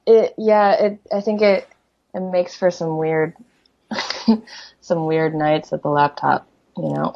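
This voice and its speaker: In a relaxed interview conversation, a Korean-first-language poet appearing as a guest talks chattily, leaning on "like," often starting over and laughing readily. She has a lowish voice, and the recording is muffled.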